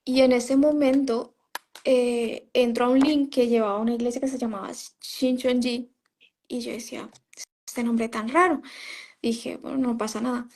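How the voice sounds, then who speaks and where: In a slightly high, darkish voice with a steady tone and moderate pace, a former religious group member shares her story in an interview. It's conversational storytelling, with her often quoting what she said then and often using "¿sabes?" and "o sea".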